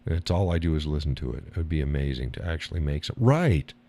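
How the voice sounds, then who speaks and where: A low-pitched man talks casually on his own live stream. He is blunt and rambling, curses freely, laughs between remarks, and jumps up high to mimic other people. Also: animated, fast talker, vocal fry, dark tone.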